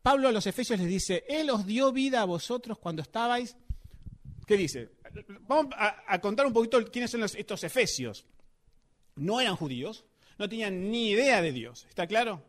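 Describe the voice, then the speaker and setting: A man's voice: high-pitched, lively intonation, normal speed. A man preaching a sermon, emphatic and often asking his listeners questions. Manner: emphatic, asks the audience questions.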